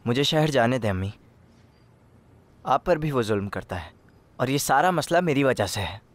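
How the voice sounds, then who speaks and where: A man's voice: mid-range voice, expressive, normal speed, close to an everyday voice. A man playing an earnest young son. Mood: determined. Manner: earnest, determined. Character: young son set on leaving home. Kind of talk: Urdu film dub acting.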